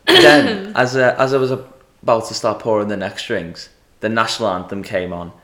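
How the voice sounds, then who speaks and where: A man's voice: fairly low pitch, very animated, normal speed, sharp tone, echoey room. Crude young man telling stories. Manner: crude, joking anecdote teller who mimics people. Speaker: podcast co-host. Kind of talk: casual chat, storytelling.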